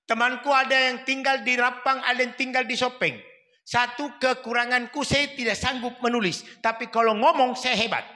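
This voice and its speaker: A man's voice: extremely high pitch, level tone, moderate pace, sharp tone. A man in his fifties with a Makassar accent, giving a humorous sermon and acting out family stories. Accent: Makassar Indonesian. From South Sulawesi, Indonesia. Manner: storytelling, swaps into voices of mother and father. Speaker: preacher. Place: mosque hall. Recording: echoey mosque hall.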